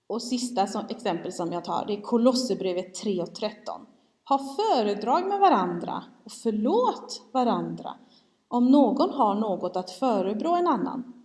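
Svensk kvinna som predikar i en kyrksal. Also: female voice, medium pitch, big pitch swings, a little mellow. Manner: candid storytelling, self-mocking. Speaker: preacher. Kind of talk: sermon. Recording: long hall reverb.

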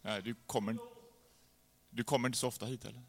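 A man in a comic church sketch, playful and halting. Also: medium pitch, steady tone, creaky. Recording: reverberant hall sound.

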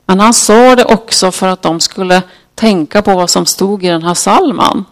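A preacher with a gravelly, creaky voice gives a devotional talk. The delivery is unhurried and halting with fillers, and the scripture is read slowly and solemnly. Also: mid-range voice, a bit bright.

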